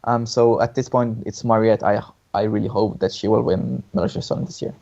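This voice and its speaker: With a fairly low, gravelly yet mellow voice, this man talks fast and with fairly even intonation. He co-hosts a relaxed chat about song contest entries, hesitating over his opinions and repeating words often, and the sound quality is dull and lo-fi.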